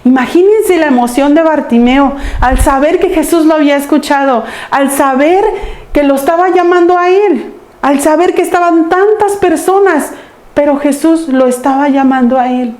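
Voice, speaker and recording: Woman preacher, high mellow voice, earnest sermon delivery, roomy church echo. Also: moderate pace. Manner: earnest storytelling preaching, addressing the congregation. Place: church sanctuary.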